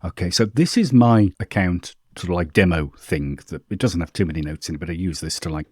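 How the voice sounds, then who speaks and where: A man hosting a casual question-and-answer video, chatting informally and thinking aloud while he demonstrates software. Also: deep voice, fairly quick, no echo, clean studio sound. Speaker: host answering viewer questions. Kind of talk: casual screen-share walkthrough.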